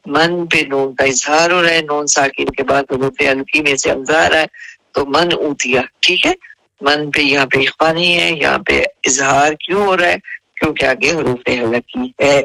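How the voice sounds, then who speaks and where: A man gives a tajweed lesson. He draws out each recited verse in a bright, slightly raised voice, then switches to brisk explanations dotted with checking questions. The recording is close and dry, with no room sound. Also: fairly high pitch, gravelly, no room sound, low-quality recording. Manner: slow, drawn-out recitation alternating with brisk spoken explanations; checks understanding with repeated rhetorical questions. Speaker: Quran recitation teacher.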